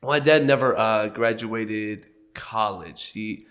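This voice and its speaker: Speaking slowly in a lowish, slightly bright voice, a young man hosts a casual podcast. He's congested and a touch nasal from a cold, tossing out loose jokes and coughing occasionally.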